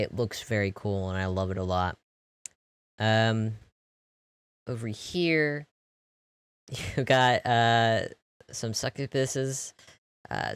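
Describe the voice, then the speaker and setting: A young man casually narrating a walkthrough of his game build, relaxed and rambling with lots of fillers. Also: on the low side, clear, resonant tone, no echo. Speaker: video creator.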